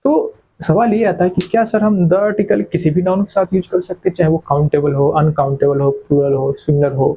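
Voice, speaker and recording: A man's voice: a little high, fairly even intonation, fairly quick, warm tone, breathy edge, poor audio. A man teaching English grammar in a classroom-style lecture, often asking a question and then answering it himself. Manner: asks questions and answers them himself, repeats key words.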